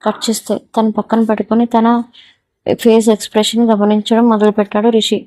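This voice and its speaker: A woman storyteller reading a romance audio story in a steady, even way. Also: a little high, a little fast, dry recording. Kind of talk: scripted story narration.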